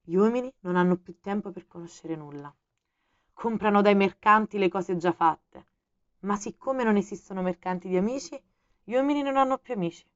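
Una donna che fa una volpe saggia e gentile. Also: female voice, mid-range voice, moderate pace, no echo, muffled recording, pitched above the performer's own voice, lightly acted. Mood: patient. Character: gentle wise female fox, patient and a bit melancholy.

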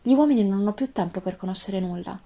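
A woman voicing a gentle, wise female fox with a calm, earnest tone in a storybook reading. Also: medium pitch, fast talker, lo-fi sound, a little hiss or hum, lightly acted.

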